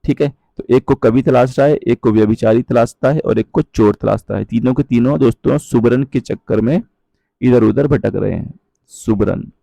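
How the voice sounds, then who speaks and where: A man teaching a Hindi grammar lesson, explaining patiently, checking in with his viewers often and reciting verse lines slowly. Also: mid-range voice, creaky, warm tone, no room sound. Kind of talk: online exam-prep lesson.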